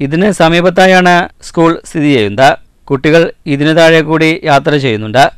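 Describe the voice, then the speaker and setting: Recorded close and dry, without any room sound, this regional news voice-over comes from a male reporter with a Kerala Malayalam accent. His voice is unusually smooth and clear, somewhat high for a man, and animated. He reads the script formally at a measured pace, his pitch falling at every sign-off.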